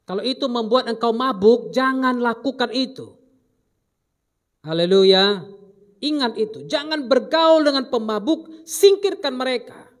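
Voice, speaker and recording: A man preaching a sermon as pastor, delivering emphatic commands and then dropping into low asides. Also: animated, measured pace.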